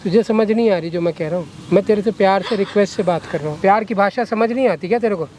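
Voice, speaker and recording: A man's voice: sits high, quick pace, darkish tone, a little hiss or hum, lightly acted. A man playing a corrupt, coercive lawyer who talks down to a girl in a coaxing, threatening way. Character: corrupt scheming male lawyer, menacing and coercive. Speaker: villain in a short film.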